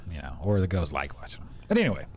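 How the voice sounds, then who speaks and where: Low, lively joking man. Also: rapid-fire, a little hiss or hum. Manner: joking, loose, reads with stumbles and asides. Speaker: podcast co-host reading listener stories. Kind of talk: casual chat, reading aloud.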